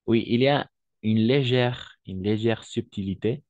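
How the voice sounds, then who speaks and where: A man's voice: medium pitch, a little slow, a little mellow, no echo, highs cut off. A man teaching a French lesson online, patiently repeating examples and often checking that his students follow.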